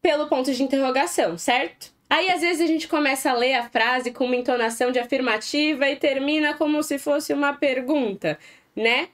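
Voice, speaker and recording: A woman with a Brazilian Portuguese accent teaching an exam-prep English video lesson, asking students to repeat examples spoken slowly. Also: high-pitched.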